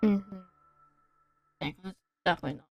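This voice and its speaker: A woman's voice: mid-range voice, fairly quick, husky, no echo, muffled recording, faint music behind. Eager woman host explaining game lore. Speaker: VTuber host. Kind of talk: casual reaction chat.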